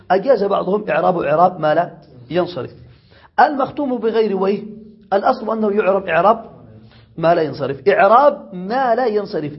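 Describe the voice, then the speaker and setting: A man from Yemen teaching a grammar lesson, who repeats examples and asks his students whether it is clear. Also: high-pitched, dull audio.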